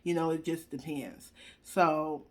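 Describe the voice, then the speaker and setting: Young adult woman, lowish voice, candid personal storytime, emotional and chatty. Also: fairly even intonation, slow. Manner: candid, emotional, conversational, addresses viewers as y'all.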